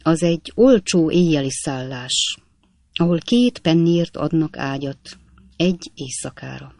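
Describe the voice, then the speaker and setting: A narrator voicing a cheerful, witty young manservant in an audiobook, chatting in a folksy, gravelly tone. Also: mid-range voice, expressive, a little mellow, dry recording. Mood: lively, folksy.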